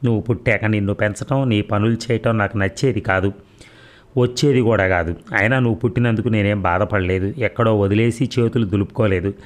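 A tearful middle-aged mother pleads and complains in a plaintive tone, voiced by a male storyteller. The pitch stays low and near the reader's plain voice. This is storybook narration, not a stage performance. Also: steady tone, a little fast, close to an everyday voice. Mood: defensive.

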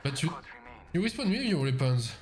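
Laughing, swearing man in lively game chat. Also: on the high side, normal speed. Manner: teasing, laughs often and swears freely. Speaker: gaming teammate. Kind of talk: casual gaming voice chat.

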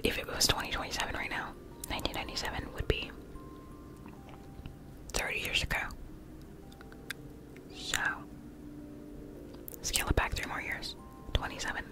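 Whispering young woman, whispered live-stream chat. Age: young adult. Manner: soft whisper, reads chat aloud and answers. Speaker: ASMR streamer. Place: bedroom with plush toys, indoors. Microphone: studio mic close in front.

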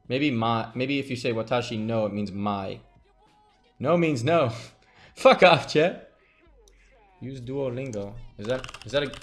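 Animated, joking man streaming at his desk. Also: medium pitch. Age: late 20s. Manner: profane, joking, thinks aloud. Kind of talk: casual live-stream commentary. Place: small room at a desk.

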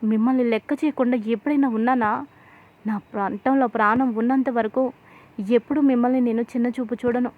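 A woman's voice: on the high side, steady tone, a little fast, close to an everyday voice. A woman voicing a humble wife who apologizes to her husband. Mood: placating. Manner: apologetic, placating. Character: humble devoted wife and mother-in-law. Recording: tinny phone-like audio.

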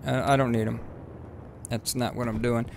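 A man giving rambling, casual let's-play commentary on his game, swearing freely and breaking into excited bursts. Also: medium pitch, normal speed, creaky, slight background noise. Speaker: gaming video host.

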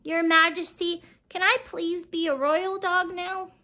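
A woman's voice: very high voice, fairly even intonation, measured pace, sharp tone, heavily acted. A woman voicing an eager, hopeful little stray beagle while reading a storybook aloud to children.

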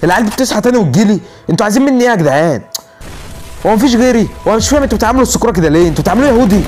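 A man with an Egyptian accent giving live commentary over a mobile shooter game, excitable and talking to himself, repeating words urgently. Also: high-pitched, racing, faint music behind. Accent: Egyptian Arabic. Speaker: gaming channel host.

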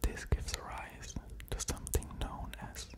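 Whispering right at the ear, a thirties-aged man delivers a deliberate, slow physics lecture for ASMR. The setup is a pair of pop-filtered studio condenser mics at very close range, indoors in a small, quiet home room.

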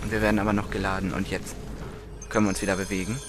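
A man's voice: deep voice, flat delivery, very fast, noisy background. A man giving casual gameplay commentary as a let's play host, chatty and often correcting himself. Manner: chatty, self-correcting, frustrated at times. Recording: commentary over loud game music.

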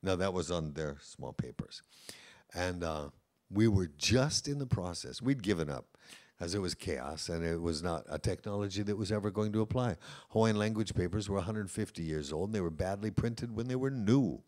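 Deep-voiced man giving an easygoing lecture. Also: expressive, moderate pace, a little mellow. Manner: conversational and anecdotal, frequent "you know" asides. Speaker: professor of Hawaiian language. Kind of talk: informal lecture to an audience of teachers.

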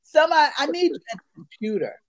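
A woman co-hosting a casual morning chat show, loud and laughing as she tells stories and gossips. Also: sits high, very animated, fairly quick, dry recording. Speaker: co-host.

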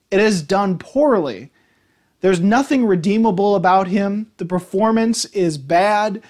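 A man giving a casual movie review, blunt and opinionated, swearing freely. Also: high-pitched.

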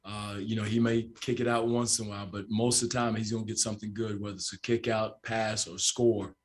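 A man in his sixties, a basketball coach, answers postgame questions into a table microphone in a press room. His voice sits low and stays level, with little rise or fall. He talks in a measured way, restarts often, and leans on fillers. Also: little pitch movement, husky. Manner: measured, repeats phrases, frequent fillers. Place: press room with sponsor backdrop. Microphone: table microphone in front.

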